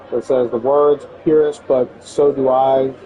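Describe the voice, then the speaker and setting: A man's voice: mid-range voice, creaky, mellow, low-quality recording. A young man hosts a casual live game stream and reads on-screen text aloud. His reading halts with fillers, and he tosses in "bro" as he goes. A faint crowd murmur sits behind his mid-range voice.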